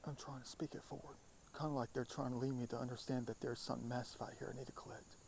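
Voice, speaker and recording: Male outdoor vlogger, mid-pitched voice, hushed and often whispering, faint crickets and insects in the background. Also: little pitch movement, fast, gravelly, a little hiss or hum. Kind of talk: hushed outdoor vlog narration. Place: outdoors by water.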